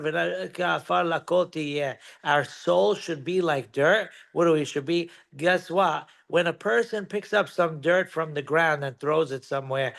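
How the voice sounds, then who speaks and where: Gravelly high-voiced rabbi teaching. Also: male voice, a bit bright. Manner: conversational, with asides and rhetorical questions. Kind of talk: informal Torah lesson.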